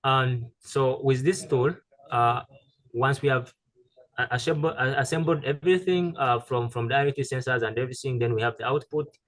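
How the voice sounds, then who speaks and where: A man giving a halting technical presentation over a video call, with many fillers and restarts. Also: mid-range voice, rough recording. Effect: heard over a video call. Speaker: presenter pitching a solar tool.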